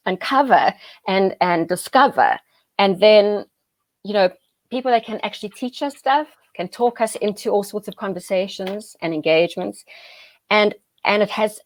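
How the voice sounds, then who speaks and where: A woman's voice: mid-range voice, no room sound. A woman hosting an interview, talking enthusiastically and heaping praise on her guest. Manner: gushing, enthusiastic, effusive praise. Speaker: host. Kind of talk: interview conversation.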